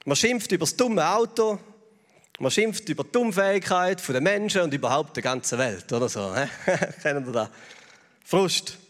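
A man's voice: a little high, animated, normal speed, a bit bright. A man with a Swiss German accent preaching a sermon in a chatty way, often tossing in little tag questions to the congregation. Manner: conversational, with frequent tag questions. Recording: long reverb of a large hall.

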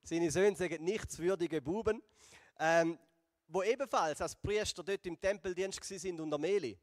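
A man with a Swiss German accent preaching a sermon and retelling a Bible story, slowing and going softer for emphasis. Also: high voice, no room sound, clean studio sound, big-room sound. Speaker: pastor.

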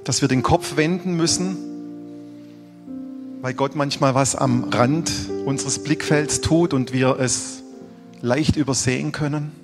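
Earnest preacher in a reverberant hall. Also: male voice, medium pitch, a little slow, over music. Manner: earnest, emphatic preaching with hushed dramatic drops. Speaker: pastor. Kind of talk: sermon.

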